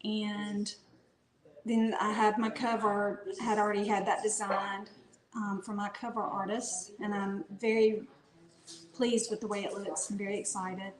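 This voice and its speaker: A woman from North Carolina with a Southern accent speaks at a measured pace in a mid-range voice, chatting casually as an author being interviewed. She sounds relaxed and chatty, with fillers and restarts. Crowd noise carries through an echoey room.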